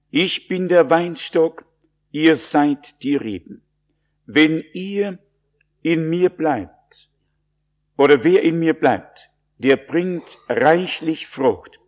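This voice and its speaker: A man preaching a sermon, slow and solemn, stressing his words with long pauses. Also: fairly high pitch, lively intonation.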